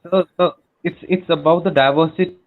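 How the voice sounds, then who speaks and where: A man's voice: a little high, steady tone, fairly quick. Man on a glitchy, breaking call line. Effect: breaking, glitchy online call audio. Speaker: webinar participant asking a question. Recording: tinny, phone-like call line.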